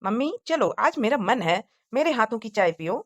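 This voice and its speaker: An easygoing young cartoon husband, as a woman voices him gently coaxes his family. The voice sits fairly high and sounds close and dry. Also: very animated, normal speed, no room sound. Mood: coaxing. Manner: coaxing, gentle. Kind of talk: Hindi cartoon moral-story voice acting.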